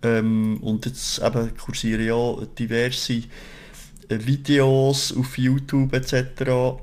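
A man's voice: medium pitch, monotone, takes it slowly. A man, co-hosting a film podcast, speaking modestly and hesitantly. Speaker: podcast co-host. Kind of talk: casual film review chat.

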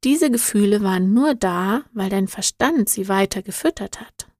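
A woman narrating a children's story in a calm, scripted storytelling style. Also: medium pitch, dry recording, clean studio sound. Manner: slow and calm. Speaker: audiobook narrator.

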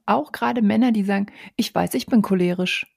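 A woman interviewer talks casually and works through her questions at length. Her voice has a gravelly fry to it at a middle pitch. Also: a little fast, darkish tone. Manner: thoughtful, asks long searching questions. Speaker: interviewer, host.

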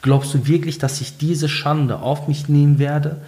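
A man quoting his stern, devout, middle-aged father in a solemn, measured way, in his own everyday voice. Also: on the high side, fairly even intonation, warm tone. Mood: angry.

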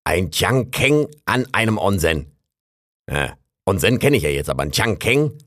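A boastful male raccoon chatters away in a storybook reading, as a man puts him on. The voice sits low but swings widely in pitch, recorded dry and close. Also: big pitch swings, a little slow, fairly bright tone, no room sound, heavily acted. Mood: chatty. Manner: bragging, rambling, self-important. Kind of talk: audiobook character voice.

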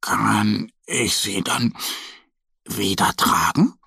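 A man voicing a gentle little male bear cub with a slow, drawn-out, whimpering delivery. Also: medium pitch, big pitch swings, vocal fry, breathy edge, no echo, clean studio sound, exaggerated voice. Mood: tearful.

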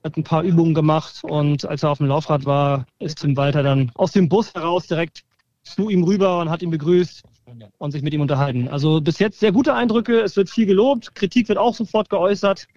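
A man's voice: a little high, brisk, darkish tone, no echo. A man calling in over the phone, giving a chatty live report from a training camp with plenty of fillers. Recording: dull, dry phone line.

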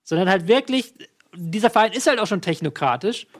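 A man with a notably high voice holds forth in a casual football chat. He argues his case at length, circling back with fillers and half-finished starts. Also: animated, fairly quick. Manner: argumentative, rambling with lots of fillers. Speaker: football pundit.

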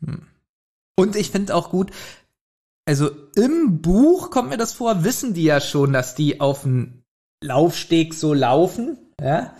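Male co-host with a high voice. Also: lively intonation, slow, darkish tone. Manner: thoughtful, compares book and drama, incredulous laughter. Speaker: podcast co-host. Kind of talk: casual episode discussion.

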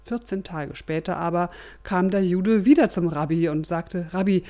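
A woman's voice: lowish voice, normal speed, mellow. A woman hosting a motivation podcast, telling a parable as a story and addressing her listeners formally. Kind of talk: storytelling narration and sign-off.

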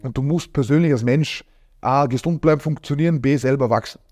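Quick chatty guy in his 30s, lots of ähm, interview guest. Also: mid-range voice. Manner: fast, animated, many fillers. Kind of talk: casual interview talk.

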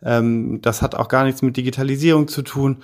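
A middle-aged man from Heidelberg speaks as a podcast guest, with a voice of ordinary pitch for a man. He talks in a measured, thoughtful way and often pauses on fillers while he gathers his thoughts. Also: fairly even intonation. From Heidelberg, Germany. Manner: measured, hesitant with frequent fillers. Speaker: podcast guest, business consultant. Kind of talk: podcast interview.

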